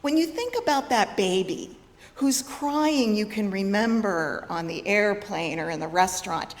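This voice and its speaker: A woman giving a sermon at a fellowship service in a slow, reflective way. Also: a little high. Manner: slow, reflective, rising to loud braying calls. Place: fellowship hall. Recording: long reverb of a hall.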